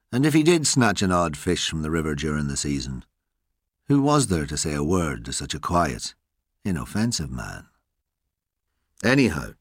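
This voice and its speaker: A man reading a story aloud as narrator, in a measured, expressive storytelling manner. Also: deep voice, no echo, studio quality.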